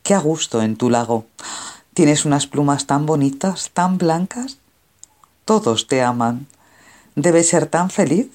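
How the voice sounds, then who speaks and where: A man's voice: a little high, expressive, a little slow, pauses often, a little mellow, voice pushed up. Man voicing a plaintive, miserable crow. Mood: longing. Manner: plaintive, lamenting. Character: sad, self-pitying male crow who longs to be a swan.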